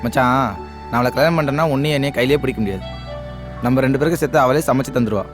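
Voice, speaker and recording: A lovesick young man in a film, played by an actor, pleading with his friend in a quick, mid-pitched voice. Music plays clearly beneath. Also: close to an everyday voice. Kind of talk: film dialogue.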